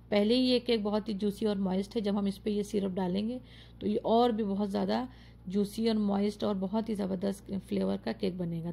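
A woman, an adult mother of children, narrates her home cooking tutorial as the channel's host and home cook, chatting away, praising the dish and offering viewers step-by-step tips. Her voice is medium in pitch, gravelly, mellow and husky.

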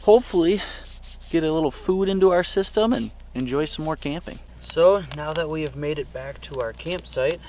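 A man's voice: fairly high pitch, moderate pace, a little mellow, a little hiss or hum. A young man talking upbeat and friendly to the camera from a campsite and a small tent, recorded on a camera mic. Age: young adult. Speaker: camping vlogger. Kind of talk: casual vlog to camera. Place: truck bed tent and campsite outdoors.

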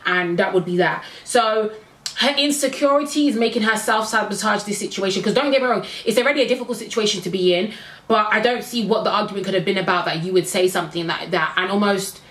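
Woman, mid-range pitch, blunt opinionated show recap, echoey room. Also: fast, a bit bright. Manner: blunt, opinionated, exasperated asides. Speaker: reality TV reviewer. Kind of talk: casual recap commentary.

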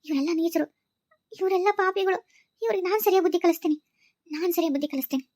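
A woman doing a tearful young wife with a high, piping voice. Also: quick pace, a little mellow. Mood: vengeful. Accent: North Karnataka Kannada. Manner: tearful, pleading. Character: young wife, grieving and vowing revenge. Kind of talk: cartoon voice acting.

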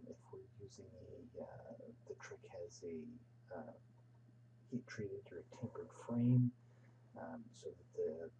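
A man with a very low voice talks through a lecture over slides, stopping often with fillers as he teaches. He sits back from the microphone, and a steady hum runs under his voice. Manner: halting, with many fillers. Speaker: instructor. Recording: distant mic with steady hum.

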